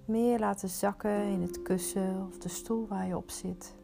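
A woman leading a guided meditation, giving soothing, unhurried instructions with pauses. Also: medium pitch, steady tone, creaky, over music.

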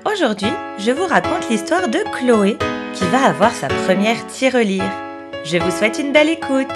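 A woman in her thirties with a gentle, expressive manner, narrating a children's story as the host. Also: fairly high pitch, normal speed, over loud music.

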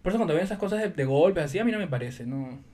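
Fast-talking man telling stories. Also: fairly high pitch. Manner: lively storyteller who acts out quoted speech. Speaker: podcast co-host. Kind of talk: casual podcast chat.

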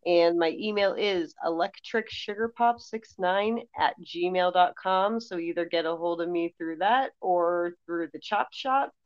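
A woman's voice: on the low side, unhurried, hardly any pauses. A woman co-hosting a horror movie podcast, casual and sarcastic, teasing her co-host and swearing freely. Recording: dull lo-fi sound.

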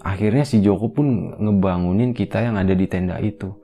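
A man casually retelling a horror story as a podcast storyteller, in a relaxed, rambling, conversational way. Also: lowish voice, fairly quick, soft background music.

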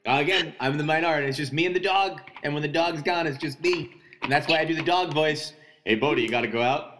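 A man's voice: a little high, fairly even intonation, fast, a bit bright, slight background noise. A man co-hosting a casual podcast chat about a film, wry, teasing and analytical. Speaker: podcast co-host.

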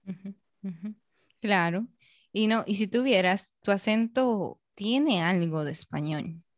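A woman's voice: medium pitch, a little slow, no echo, clean studio sound. A woman from Peru hosting a casual interview, thoughtful and agreeable. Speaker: interviewer, host.

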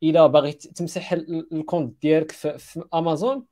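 A man's voice: fairly high pitch, fairly even intonation, fast, mellow. A man with a Moroccan accent in a casual talk, hesitating and repeating words as he searches, mixing in English and French terms. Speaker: panel participant sharing recommendations. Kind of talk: casual talk about design resources.

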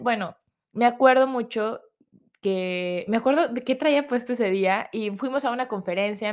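Chatty young Mexican woman telling a story. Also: medium pitch. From Guadalajara, Mexico. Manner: chatty, animated, acts out quoted voices. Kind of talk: casual storytelling.

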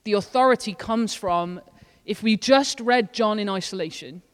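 High-voiced man reading scripture aloud. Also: normal speed, fairly bright tone, clean tone, long reverb tail. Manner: earnest, reads scripture aloud at length. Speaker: church leader. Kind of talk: casual Bible study discussion.

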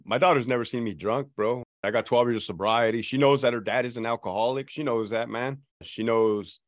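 A man's voice: medium pitch, a little fast, no echo. A middle-aged man talking as a podcast guest in casual chat, blunt and earnest, swearing freely.

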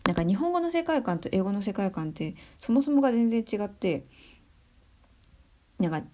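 A young adult woman giving her views in a casual spoken monologue, soft and thinking aloud with many fillers. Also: medium pitch, sing-song, normal speed. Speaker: speaker sharing views on education.

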